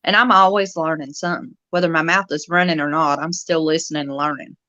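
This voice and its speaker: A woman's voice: low-pitched, fairly even intonation, fast, bright, forceful tone, no echo. A woman hosting a casual live stream chat, chatty and laughing often, with homespun turns of phrase. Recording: dull lo-fi dry sound.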